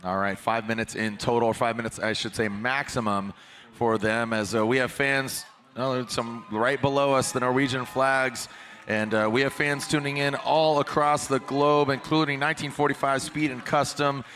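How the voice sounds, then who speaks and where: A man giving live motorsport commentary from a booth in an excitable, chatty way. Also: medium pitch, normal speed. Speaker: event commentator.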